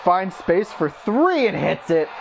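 A man doing mock play-by-play basketball commentary for a gaming video, calling each play in brisk clipped bursts, his voice jumping up on big plays. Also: high-pitched, creaky, a little hiss or hum. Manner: excitable, voice jumps up on big plays. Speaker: YouTube gaming creator.

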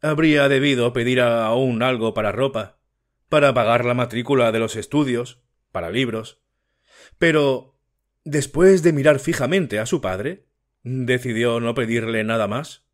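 Guy reading a classic story audiobook, calm steady telling, medium voice. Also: mid-range voice, a little slow. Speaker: audiobook narrator. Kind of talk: scripted literary narration.

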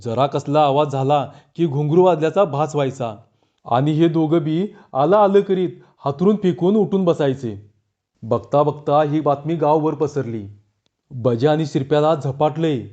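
Mellow-voiced man telling a village tale. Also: fairly high pitch, highs cut off. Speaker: storyteller. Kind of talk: reading a rural folk tale.

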